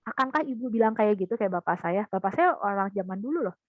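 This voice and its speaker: A woman's voice: medium pitch, quick pace, no room sound, phone-quality sound. A woman giving a parenting talk in an online seminar, telling stories with energy and speaking straight to the parents. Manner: lively storytelling, addressing parents directly.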